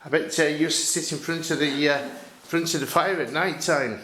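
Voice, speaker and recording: A man's voice: a little high, fairly even intonation, brisk, pushed and bright. A man leading a ghost hunt, talking casually and hesitantly with many fillers as he calls out to spirits in an old theatre room. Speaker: ghost hunting group leader. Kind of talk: casual chat while calling out to spirits. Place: large old room in a disused theatre, indoors. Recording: echoey room, faint noise.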